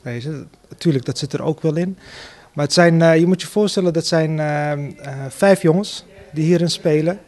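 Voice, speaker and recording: A man, a theater director, answering interview questions earnestly with many pauses and fillers. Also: a little high, a little mellow.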